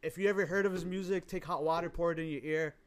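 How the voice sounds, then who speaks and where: A man's voice: a little high, steady tone, fast, clean tone. A man co-hosting a podcast, bantering casually in slang, emphatic and repeating himself. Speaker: podcast co-host.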